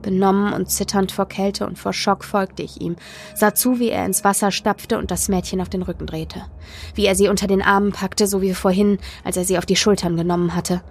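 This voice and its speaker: A woman narrating a horror story in the first person, with tense, expressive delivery. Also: medium pitch, brisk, gravelly, a little hiss or hum. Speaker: podcast narrator. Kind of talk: dramatic horror story reading.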